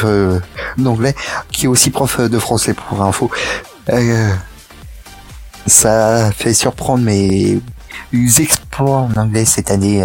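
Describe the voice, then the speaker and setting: A young man hosting a casual radio show, talking in a halting, hesitant way and laughing often. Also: medium pitch, darkish tone.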